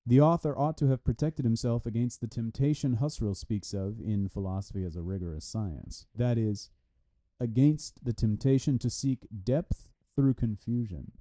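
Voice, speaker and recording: The reader is a man whose medium-pitched, mellow voice moves at a normal speed. He presents a translated academic philosophy article formally, as if from a script, speaking every punctuation mark and citation.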